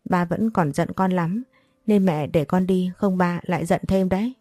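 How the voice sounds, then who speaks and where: A woman's voice: on the low side, normal speed, dark tone, dry recording, clean studio sound, lightly acted. A woman reading as a remorseful young daughter. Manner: humble, apologetic.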